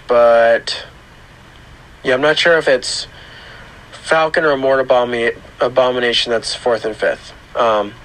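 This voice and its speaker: A man with a hoarse, grating voice from a sore throat gives casual, unscripted gaming commentary in a halting, matter-of-fact way. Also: medium pitch, fairly bright tone, rough recording. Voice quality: rough, grating. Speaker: gaming channel host. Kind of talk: casual video game account tour commentary.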